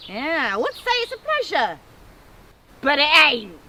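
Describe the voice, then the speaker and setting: Scolding old woodland witch, northern English accent, slow, piercing, wicked, cackling, theatrical storytelling. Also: high-pitched, wildly swooping pitch, sharp tone, heavily acted. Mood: mocking.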